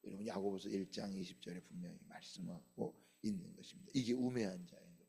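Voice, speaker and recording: A middle-aged male pastor preaching a dawn prayer sermon, asking the congregation rhetorical questions and moving from loud emphasis to hushed near-whispers. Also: deep voice, fast talker, creaky, husky.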